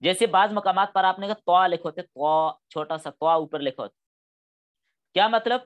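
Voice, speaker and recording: A man's voice: sits high, normal speed, dull audio. A middle-aged man teaching a class on Quran studies, explaining patiently step by step and acting out spoken examples. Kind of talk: classroom lecture.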